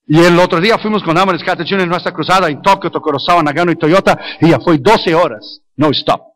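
A man's voice: on the high side, fast, fairly bright tone. A male evangelist preaching a sermon with emphatic repetition, dropping in English phrases.

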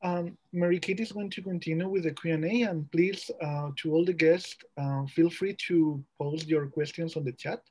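A man moderating an online roundtable over a video call, speaking politely and haltingly as he reads out audience questions. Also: a little high, steady tone, darkish tone, rough recording. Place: small room indoors.

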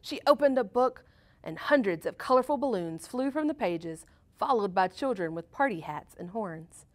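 A woman's voice: medium pitch, moderate pace. Woman storyteller reading a kids book, bouncy voice, goofy sound effects. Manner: animated, with playful sound effects. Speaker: children's storyteller. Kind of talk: reading a picture book aloud to children.

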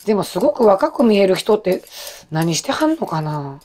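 A woman in her forties with a Kansai accent and a loud, rough-throated voice, chatting in a rambling, self-deprecating way while she cooks. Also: medium pitch, sing-song, moderate pace. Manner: chatty, self-deprecating, jumps between topics. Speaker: cooking vlogger. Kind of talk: casual chat while cooking.

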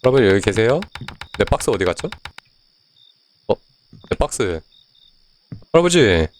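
Male game streamer, lowish voice, loose chatty commentary, reads on-screen text aloud, quick to curse and yell. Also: lively intonation, a little hiss or hum. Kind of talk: casual let's-play commentary.

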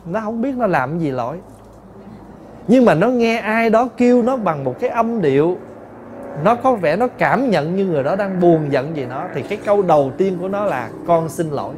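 A male Buddhist monk, giving a lively, chatty dharma talk told through stories. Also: high voice, moderate pace, noisy background.

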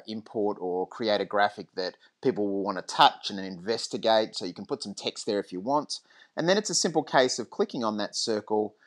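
A man talking through a screen-recorded teaching tutorial in a relaxed, rambling way. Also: lowish voice. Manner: relaxed, lots of ums and restarts.

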